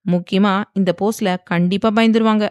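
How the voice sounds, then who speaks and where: A woman's voice: medium pitch, steady tone, moderate pace, darkish tone, smooth, no echo, studio quality, natural voice. A woman voicing a domineering young husband who teases and mock-threatens, in a dramatized audiobook reading. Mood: teasing.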